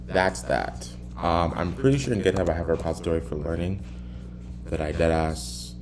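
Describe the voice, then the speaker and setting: Far-from-mic man, very low creaky voice. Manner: halting, muttering to himself, wandering off on tangents. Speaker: programmer recording himself working. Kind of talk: casual think-aloud coding vlog. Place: echoey apartment room. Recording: far-off echoey room, clearly noisy.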